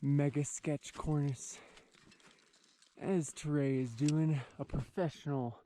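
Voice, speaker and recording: A man's voice: a little high, steady tone, slow, mellow. Slangy man vlogging over outdoor noise. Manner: slangy, exclamatory. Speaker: mountain climber. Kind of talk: casual climbing vlog commentary. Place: outdoors on a mountain ridge.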